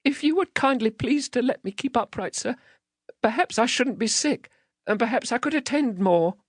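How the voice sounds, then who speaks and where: A man's voice: very high voice, unhurried, a little mellow, no echo, studio quality, voice pushed up. A man voicing a small, terrified, polite village boy in a storybook, timid and pleading. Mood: frightened, polite.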